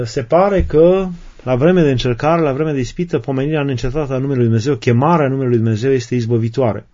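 Man preaching in a mellow, muffled voice. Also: mid-range voice. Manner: reads a passage, then retells and explains it with fillers and restarts. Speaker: Orthodox preacher. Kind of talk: sermon reading and explaining desert fathers' sayings.

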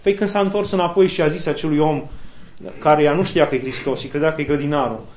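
Man, sermon, reflective, slightly high voice, echoey room. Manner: reflective, with lively quoted voices and pauses. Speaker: preacher.

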